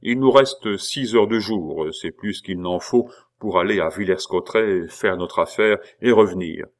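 A man's voice: low voice, measured pace. A man voicing a self-important young male village captain who gives orders in a grand, solemn manner. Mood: commanding. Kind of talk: audiobook character voice.

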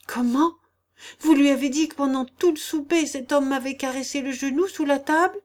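A coy, flustered noblewoman from a storybook, piling up breathless, insistent questions, as a woman reader plays her. Her voice rises high and bright. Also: moderate pace, natural voice.

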